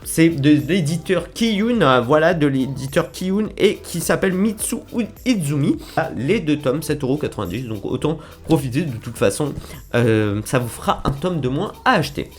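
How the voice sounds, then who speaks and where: A young man talks casually to his viewers in a slightly high voice. His talk wanders and restarts, full of fillers as he chats along. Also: expressive, normal speed. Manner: chatty, rambling, many fillers and restarts. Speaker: manga vlogger. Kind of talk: casual chat to camera.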